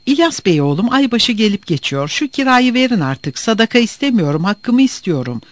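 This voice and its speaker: A timid yet stubborn old landlady pleads for what she is owed, quick and insistent, her voice pitched high and swinging widely, as a man puts her on. The reading is dry and close. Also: very animated, no room sound. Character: timid but pushy old landlady woman.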